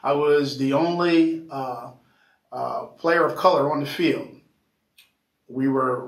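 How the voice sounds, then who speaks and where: A man talking earnestly in a casual discussion, halting with many fillers as he recalls an experience. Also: medium pitch, fairly bright tone. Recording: roomy echo, mic at a distance.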